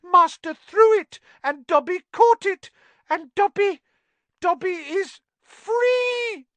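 A man reading a storybook aloud, voicing a shrill, excitable male house elf. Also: slow, no echo, exaggerated voice. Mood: overjoyed. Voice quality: shrill squeaky.

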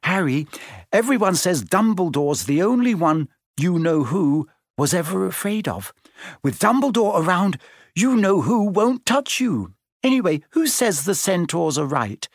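A man's voice: high-pitched, sing-song, measured pace, no room sound, pitched above the performer's own voice, exaggerated voice. A man doing a clever, earnest schoolgirl from a storybook, talking in a reassuring way. The voice is lifted well above his own, and the sound is dry.

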